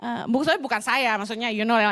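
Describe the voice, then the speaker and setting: Woman pastor, middle-aged, high voice, lively storytelling sermon with English asides.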